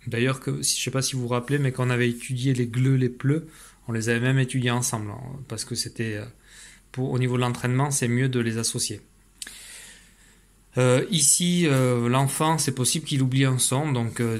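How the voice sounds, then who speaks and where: A man's voice: medium pitch, fairly even intonation, normal speed. A man teaching, patiently explaining phonics exercises to parents, with frequent fillers and restarts.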